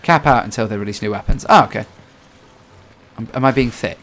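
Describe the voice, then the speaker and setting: A man's voice: on the low side, fairly quick, a bit bright, a little hiss or hum. A man streaming a game, chatting casually and reacting aloud to his teammates. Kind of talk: casual gameplay commentary.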